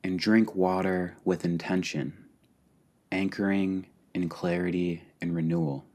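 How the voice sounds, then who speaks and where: A low-pitched man leads a guided meditation, calm and deliberate, pausing between short phrases in a slow, spacious delivery.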